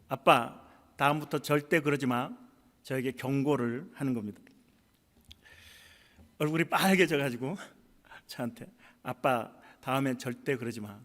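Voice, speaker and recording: Korean pastor preaching in reverberant hall. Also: male voice, a little high, fairly bright tone. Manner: storytelling, acting out quoted dialogue with rising intensity. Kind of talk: sermon. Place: church sanctuary.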